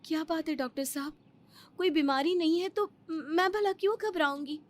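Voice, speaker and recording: A woman voicing a sweet, spirited young woman in an animated story, talking brightly and expressively. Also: very high-pitched, normal speed, pitched above the performer's own voice. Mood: worried. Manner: bright, expressive, wails when in pain. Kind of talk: storybook cartoon voice acting.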